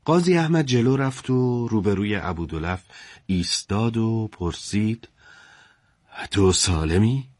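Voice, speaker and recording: Male storyteller, low voice, dry close sound, colloquial and steady. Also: dry recording. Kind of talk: conversational story narration.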